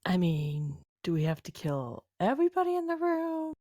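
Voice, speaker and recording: A woman's voice: on the low side, big pitch swings, moderate pace, warm tone, dry recording, studio quality. A woman speaking casually as a player in a tabletop game.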